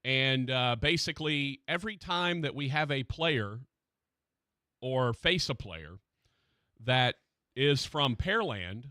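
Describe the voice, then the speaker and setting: A male sports radio host with a bright, forceful voice, chatting loosely in a dry studio. His talk wanders with plenty of fillers and restarts, and his voice is still recovering from a cold. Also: mid-range voice, expressive, takes it slowly, no room sound. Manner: rambling, many fillers and restarts.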